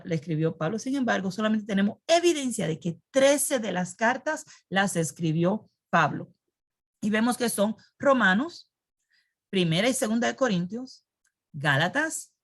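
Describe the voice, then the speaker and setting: A medium-pitched woman teaches a Sunday school Bible lesson. She quizzes her class, repeats key words, and keeps checking that everyone is following.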